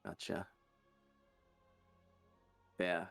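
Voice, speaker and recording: A man's voice: very slow, fairly bright tone, soft background music. A man playing a tabletop role-playing game, talking in a loose, rambling way full of fillers and restarts. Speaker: player. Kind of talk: tabletop role-play, casual in-character chat.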